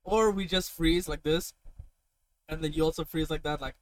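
Male podcast co-host, fairly high voice, exclamatory and slangy, loose casual chat with plenty of swearing. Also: steady tone, moderate pace, no echo, rough recording.

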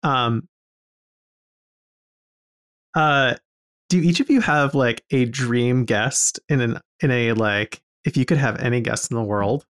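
A podcast co-host of indeterminate-sounding sex speaking casually, in a halting and thoughtful way. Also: mid-range voice, dry recording, clean studio sound. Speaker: podcast co-host and project co-director.

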